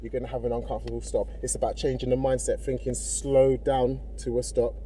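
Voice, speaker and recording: Fast-talking male driving instructor. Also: mid-range voice, little pitch movement, warm tone. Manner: encouraging, informal, checks understanding often. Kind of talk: hands-on driving instruction, casual and step-by-step. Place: inside a car in a car park. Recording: vehicle noise in background.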